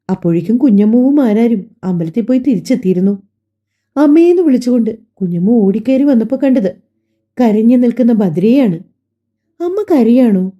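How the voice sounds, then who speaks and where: A woman narrating a family drama audiobook in a calm, steady storytelling manner. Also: mid-range voice. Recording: dull lo-fi recording.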